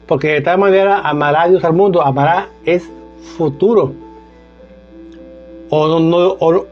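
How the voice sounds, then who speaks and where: A man preaching an informal sermon, talking conversationally and often asking "¿verdad?". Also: fairly high pitch. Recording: dull lo-fi sound with faint music.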